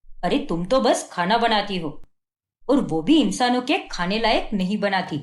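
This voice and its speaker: A woman's voice: mid-range voice, animated, unhurried, close to an everyday voice. Scornful young husband, voiced by a woman. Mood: scolding. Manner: scolding, belittling. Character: fault-finding young husband, harsh and scornful. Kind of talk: cartoon story voice acting. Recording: echoey room.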